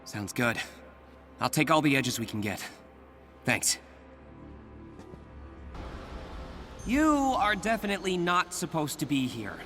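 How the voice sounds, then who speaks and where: A man's voice: fairly high pitch, sing-song, moderate pace, pushed and bright, soft background music. A man voicing a young, quippy and earnest superhero for a video game. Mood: determined, wry. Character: young wisecracking masked superhero, earnest and eager.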